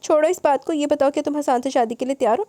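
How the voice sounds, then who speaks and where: A woman's voice: high voice, warm tone, no echo, voice pushed up, lightly acted. A woman voicing a scheming middle-aged mother who persuades in a coaxing, honeyed way in an audio novel. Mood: persuading.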